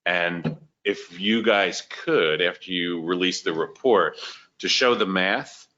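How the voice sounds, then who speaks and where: A man with a very deep yet bright, forceful voice speaks in a measured way with dry humor. The audio is dull, like a video call. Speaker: meeting participant. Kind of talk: casual meeting discussion.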